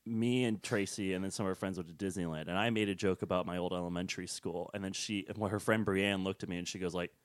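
A man's voice: low-pitched, fairly even intonation, quick pace, hardly any pauses, dry recording, studio quality. A man of about thirty co-hosting a podcast, chatting casually and retelling stories with lots of fillers and quoted lines. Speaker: podcast co-host. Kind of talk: casual chat.

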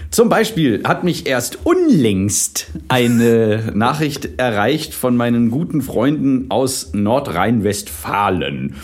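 A man's voice: medium pitch, very animated, takes it slowly, hardly any pauses. A man co-hosting a casual podcast, joking around and slipping into silly voices. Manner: playful, silly voices and tangents. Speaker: podcast co-host.

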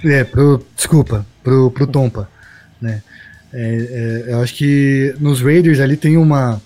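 A man's voice: mid-range voice, steady tone, slow, mellow. A Brazilian man talking football casually as a live stream panelist, in a slangy, rambling way.

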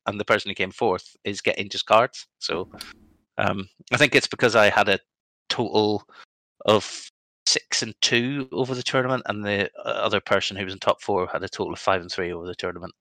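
A man with a lowish voice hosts a relaxed podcast chat. He rambles and pokes fun at himself, filling gaps with ums. The sound is dry and close. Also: a little fast, no echo. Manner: rambling, self-deprecating, many ums. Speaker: podcast host. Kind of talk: casual chat.

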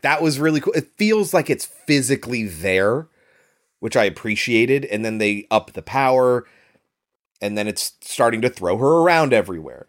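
Animated, sarcastic man reviewing a film. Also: mid-range voice. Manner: animated, sarcastic, swears casually. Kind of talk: casual film review chat.

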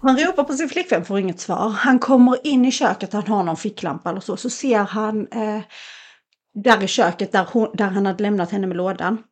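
A young woman co-hosting a podcast, retelling a scary film in a lively, casual way and acting out the lines of the people in it. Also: mid-range voice. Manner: animated retelling, acts out quotes. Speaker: podcast co-host. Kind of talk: casual storytelling chat.

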